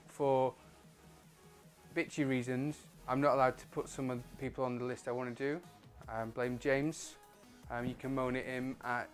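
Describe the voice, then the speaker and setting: Male vlog host, casual rambling delivery, mid-pitched, faint music underneath. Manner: loose, chatty, with frequent fillers and offhand swearing.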